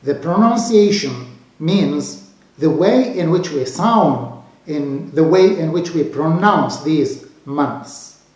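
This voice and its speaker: A man teaching English pronunciation to beginners, speaking slowly and repeating each word carefully. His native language is Arabic. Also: fairly high pitch, expressive, darkish tone. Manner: drills words slowly and repeats them. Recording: very echoey room.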